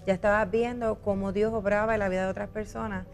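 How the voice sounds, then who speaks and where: A woman interviewing a guest, summarizing his story and asking measured follow-up questions. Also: medium pitch, little pitch movement, faint music behind. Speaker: interviewer, host.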